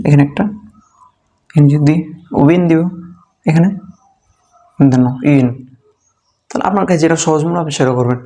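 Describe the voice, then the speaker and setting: A man teaching beginners to read, slowly and patiently repeating letter sounds in a drilled lesson. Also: on the high side, warm tone. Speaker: Quran reading teacher.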